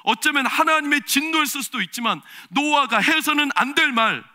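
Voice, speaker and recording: Bright-voiced preaching pastor, man. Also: very high voice, animated, brisk. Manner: swings between loud emphatic preaching and quiet confiding storytelling. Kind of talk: sermon. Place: church sanctuary.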